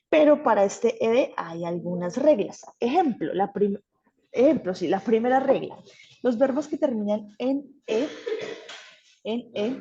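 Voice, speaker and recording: A woman with a higher-pitched, dark voice that has a breathy edge, heard through lo-fi sound. Patient and often checking in with students, she explains English grammar in an online class.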